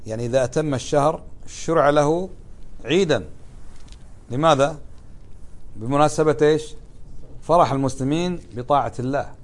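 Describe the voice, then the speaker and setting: Man, religious teacher, classroom lesson, asks and answers questions, mid-pitched voice. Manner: asks students questions and answers them, conversational.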